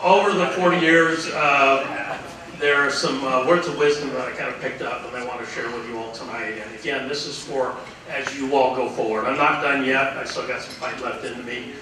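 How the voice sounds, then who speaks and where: A man's voice: medium pitch, fairly even intonation, moderate pace, crowd noise. A man in his sixties giving a rambling acceptance speech at an awards dinner, full of uh fillers as he tells stories from his career. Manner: rambling storyteller, full of uh fillers, acts out quoted voices. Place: large banquet hall at an awards dinner. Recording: echoey hall, distant mic, room noise.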